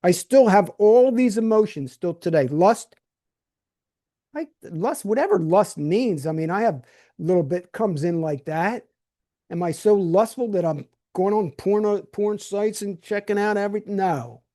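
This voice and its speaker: At a measured pace, an older man with a high, warm voice runs a podcast solo. Originally from New Jersey, he's blunt and loose in his casual monologue and keeps restarting what he says.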